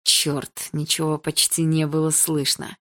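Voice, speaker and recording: A woman's voice: low voice, little pitch movement, a little slow. A woman reading an audiobook, voicing an irritated teenage boy who grumbles. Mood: annoyed. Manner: annoyed, grumbling. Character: irritated teen boy eavesdropper.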